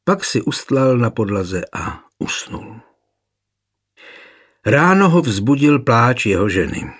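A man narrating a historical novel in an expressive storytelling way. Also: medium pitch, breathy edge. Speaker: audiobook narrator.

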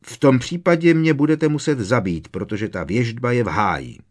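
A man voicing a defiant teenage boy wizard who shouts back at his foe. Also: medium pitch, very animated, voice pushed up.

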